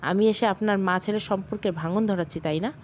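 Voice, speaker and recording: Quiet, earnest young bride in an audio storybook, voiced by the female narrator. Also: medium pitch, brisk, slight background noise, lightly acted. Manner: calm, quiet.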